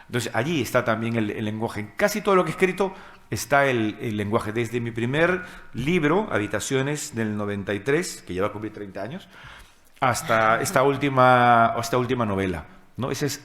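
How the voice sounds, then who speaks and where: A man's voice: fairly low pitch, expressive, a little fast, fairly bright tone. A man in his fifties from Peru with a Peruvian Spanish accent, a writer speaking reflectively to students at a panel talk. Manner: reflective, explanatory.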